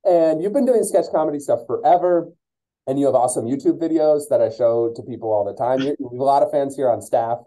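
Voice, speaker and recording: A man's voice: mid-range voice, quick pace, mellow, poor audio. A man with an American accent hosts a casual podcast in a friendly, effusive, conversational way, sounding as if he is talking through a tunnel. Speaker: podcast host. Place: remote video call. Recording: hollow tunnel-like sound on video call.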